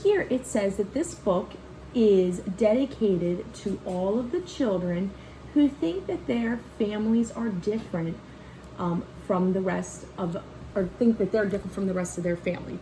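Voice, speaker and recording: At a normal speed and with lively intonation, a woman reads a children's book like a teacher, her mellow, medium-pitched voice directed at kids as she points things out and asks questions. Slight background noise comes through on a low-quality recording.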